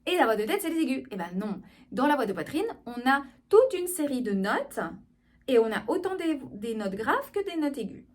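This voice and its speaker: A woman speech therapist giving an explanatory video lesson on voice, lively and often checking in with her listeners. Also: high-pitched, moderate pace.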